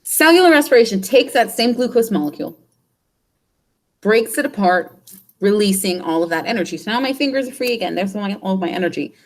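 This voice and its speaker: A woman's voice: medium pitch, animated, fairly quick. A woman biology teacher giving an exam review lesson. She explains step by step, asks rhetorical questions and patiently repeats the key points.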